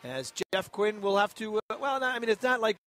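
A man's voice: high voice, sing-song, moderate pace, fairly bright tone. A man calling a college football game as play-by-play announcer, conversational and a little rambling. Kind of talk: sports commentary.

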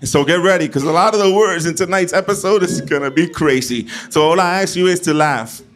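A Puerto Rican man in his forties with a New York accent hosts a game show on a club stage, doing loud, profane crowd work into a handheld mic and teasing the audience. His voice is on the high side and a little fast. The live club recording carries crowd noise, with the audience laughing and clapping.

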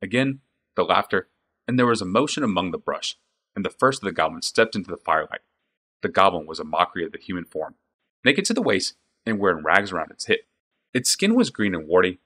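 Lively, low-voiced male narrator. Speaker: audiobook narrator. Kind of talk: fantasy audiobook narration.

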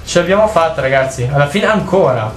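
Excitable, swearing young gamer. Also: male voice, a little high, a little fast. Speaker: gaming video host. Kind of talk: let's play commentary. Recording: roomy with faint noise.

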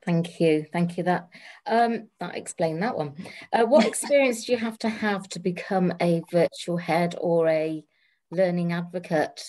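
A woman's voice: lowish voice, measured pace, a little mellow, slight background noise. A woman hosting an online interview, asking questions politely and thanking her guests. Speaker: interview host. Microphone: video call.

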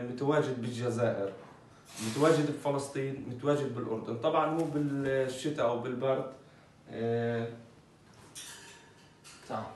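A man's voice: medium pitch, darkish tone, distant mic. Man, casual bird vlogger, talks loosely with fillers, roomy echo, set back from the mic. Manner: chatty, many fillers, talks while handling birds. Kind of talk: casual informative vlog. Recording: echoey, off-mic with faint ambience.

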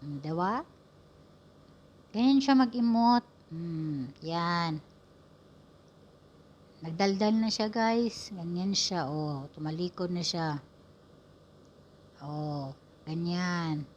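A woman's voice: fairly low pitch, drawn-out words, long pauses, a little mellow, highs cut off, slight background noise. A woman giving playful, teasing voice-over commentary on a video for her viewers. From Philippines. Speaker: vlogger narrating a video.

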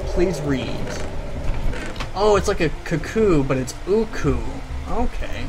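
A man with a slightly high voice gives casual gameplay commentary. He talks as the host, reading game text aloud as he goes. A fan hums faintly behind him. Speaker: gaming video host. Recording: steady loud fan hum behind the voice. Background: fan noise.

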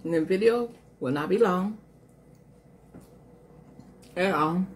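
A woman's voice: lowish voice, slow pace, a little hiss or hum. A middle-aged woman vlogger chatting casually to viewers at home while eating, mouth partly full, rambling from one thought to the next. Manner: rambling, talks to viewers as y'all.

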